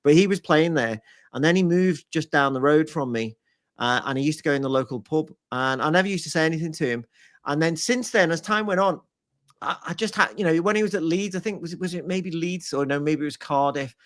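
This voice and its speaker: Middle-aged guy on a podcast, kinda high voice, animated storyteller, laughs a lot. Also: fairly quick, no room sound, clean studio sound. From Liverpool, England. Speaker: podcast guest. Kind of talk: casual chat.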